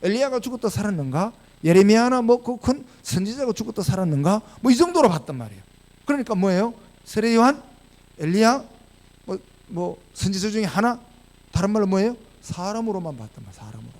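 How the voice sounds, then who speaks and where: A man with a Gyeongsang Korean accent preaching a sermon as pastor, animated and firing rhetorical questions at the congregation. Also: high-pitched, quick pace. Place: church sanctuary.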